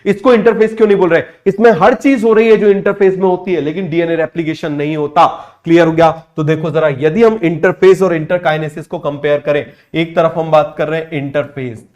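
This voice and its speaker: A young man teaching biology for an exam, drilling students with repeated quick questions and answers, and using English terms with an Indian accent. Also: on the high side, steady tone, a little mellow. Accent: Indian English terms within Hindi speech. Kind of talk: exam-prep lecture.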